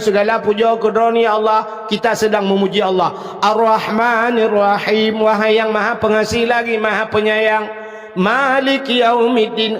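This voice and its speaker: Acehnese man preaching with high pitch, comic stories and shouted calls, reverberant hall sound. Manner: jokey storytelling, breaks into loud shouted exhortation. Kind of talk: humorous Islamic sermon.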